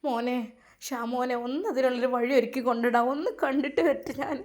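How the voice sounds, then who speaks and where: Brief: a high, tearful grieving young wife, voiced by a woman, storybook. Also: steady tone, brisk, a little mellow, lightly acted. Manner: tearful, breaking pleading.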